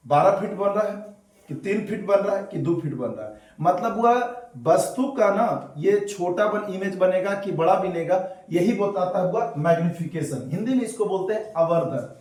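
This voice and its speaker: A man's voice: high-pitched, darkish tone. A male physics teacher giving a classroom lesson, mixing Hindi and English terms, asking questions and answering them himself while repeating key words. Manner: mixes Hindi with English terms, calls students by pet names. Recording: echoey room, far from the mic.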